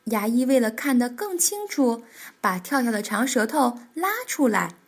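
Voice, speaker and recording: Female storyteller for children, expressive read-aloud, husky high voice. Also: moderate pace. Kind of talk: reading a picture book aloud.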